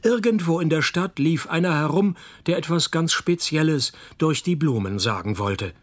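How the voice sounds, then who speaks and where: A husky, somewhat high male voice narrates a radio play at a moderate pace as a cynical, wry private eye telling his own story. The actor keeps it laconic, dry, and deadpan throughout.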